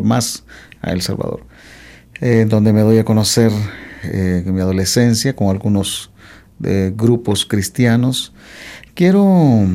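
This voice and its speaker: Gravelly-voiced man telling his life story. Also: fairly low pitch, dark tone. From Mexico. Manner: hesitant, with frequent "eh" fillers and restarts. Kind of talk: testimony in an interview.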